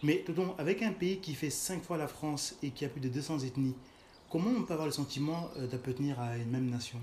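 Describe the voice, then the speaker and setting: A man's voice: fairly high pitch, fairly quick, darkish tone, a little hiss or hum. A man hosting a casual interview, asking questions and murmuring agreement with many fillers. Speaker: podcast host. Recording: echoey room with faint music.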